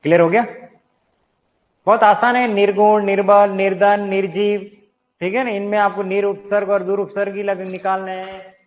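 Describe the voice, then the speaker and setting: A man's voice: high-pitched, level tone, normal speed, rough recording. A man teaching a live online Hindi grammar class, talking straight to his viewers, quizzing them and answering his own questions. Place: teaching room with a board.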